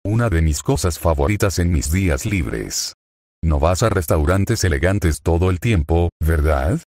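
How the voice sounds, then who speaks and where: A man's voice: sits low, lively intonation, unhurried, darkish tone, no echo, clean studio sound, full character voice. A man reading a fanfic aloud voices a playful, confident teenage schoolgirl who teases in a light, sing-song way. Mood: playful teasing.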